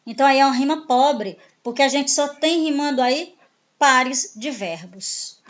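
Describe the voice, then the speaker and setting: A woman with a Brazilian Portuguese accent teaches a grammar lesson in a fairly high voice. She walks through each point and answers her own questions as she goes. The recording sounds dull and lo-fi.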